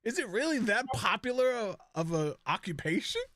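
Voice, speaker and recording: A man with a notably high voice runs a casual recap conversation. He is chatty and keeps breaking into laughter partway through sentences. The sound is dry and close, with no room around it. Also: very animated, moderate pace, fairly bright tone, no room sound. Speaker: podcast co-host.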